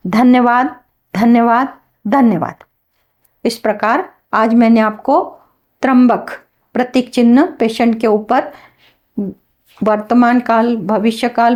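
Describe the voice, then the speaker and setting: Woman teaching a healing ritual, kinda high voice, slow calm chanting and explaining. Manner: slow, calm and devotional, repeats words. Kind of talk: demonstration lesson with chanting.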